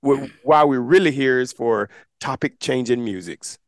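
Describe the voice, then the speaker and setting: A man hosting a casual podcast, playful and quick to laugh, with announcer-style asides to listeners. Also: mid-range voice. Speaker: podcast host. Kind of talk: casual chat.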